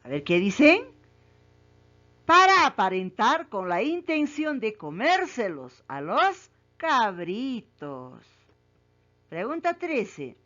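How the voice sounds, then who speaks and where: A woman's voice: a little high, sing-song, slow, a bit bright. A woman teacher asks children questions about a story, repeats each question, and then confirms the right answer. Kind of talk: reading comprehension quiz for children. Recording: muffled lo-fi recording.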